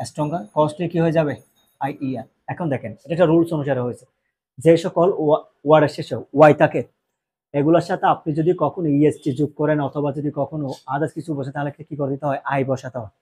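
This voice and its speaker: Husky-voiced man teaching grammar. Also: on the high side, a little mellow. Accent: Bangladeshi Bengali. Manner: asks questions and answers them himself, joking asides. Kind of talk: classroom lecture.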